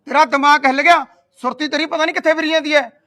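A man's voice: very high voice, steady tone, quick pace, pushed and bright. A man playing a hot-tempered grown son who scolds his wife in a comic sketch. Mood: angry. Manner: blustering, repeats himself angrily.

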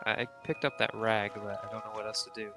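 A man's voice: lowish voice, level tone, fast talker. A young man chatting casually with friends while playing a video game, joking and swearing freely. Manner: profane, joking. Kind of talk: casual gaming chat with friends. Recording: music behind the voice.

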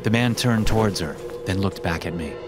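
A young man narrating a horror story in a tense, hushed voice, swearing casually. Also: deep voice, lively intonation, normal speed. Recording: narration over loud music.

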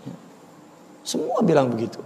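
Male religious teacher, animated sermon delivery, gravelly texture, recorded with long mosque-hall reverb. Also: mid-range voice, moderate pace, a little hiss or hum. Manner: lively, mixes Arabic text with casual explanation. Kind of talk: kitab study sermon. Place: large mosque.

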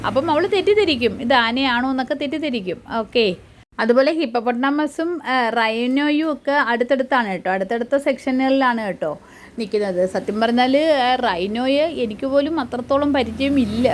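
A woman's voice: high-pitched, fairly quick. A woman narrating her family's outing in a casual, chatty voice-over, often checking in with her listeners. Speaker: vlogger and mother.

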